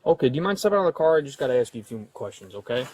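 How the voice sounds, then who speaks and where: A man's voice: mid-range voice, sing-song, racing. A male police officer questioning a driver patiently, with many hesitant fillers. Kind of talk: calm on-duty questioning. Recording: body camera audio with faint noise.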